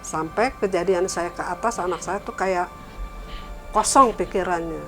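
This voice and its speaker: A middle-aged woman telling a story in plain casual speech, with faint music running under her voice. Her pitch climbs when she quotes others, then drops to a soft trail. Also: unhurried.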